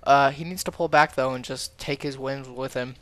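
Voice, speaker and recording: Excitable male esports caster, smooth voice. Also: medium pitch, normal speed, dry recording. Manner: excitable, shouts during fights. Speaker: game commentator. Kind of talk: esports casting.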